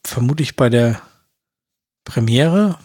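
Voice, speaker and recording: A man's voice: mid-range voice, lively intonation, slow pace, a little mellow, slightly rough, no echo, clean studio sound. A man in casual film-review chat, rambling and slangy, trailing off mid-sentence. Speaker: film podcast co-host.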